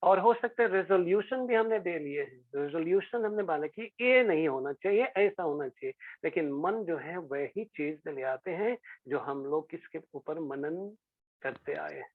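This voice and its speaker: A man's voice: a little high, animated, normal speed, no room sound. A man giving a devotional lecture as a spiritual teacher, often asking his listeners questions and mixing English phrases into his talk. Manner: asks the listeners rhetorical questions; slips English phrases into Hindi. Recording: dry, phone-like narrow sound.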